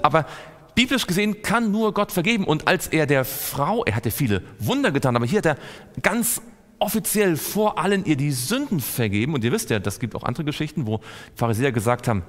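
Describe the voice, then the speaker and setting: A man's voice: a little high, a bit bright. A man teaching a Bible study to a group, asking them questions and answering himself. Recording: long reverb in a hall.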